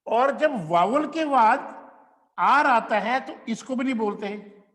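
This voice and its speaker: A man teaches pronunciation at a slow, deliberate pace. He stretches out each example word as he explains it. A long hall reverb trails behind his voice. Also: extremely high pitch, lively intonation, fairly bright tone. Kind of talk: classroom lecture.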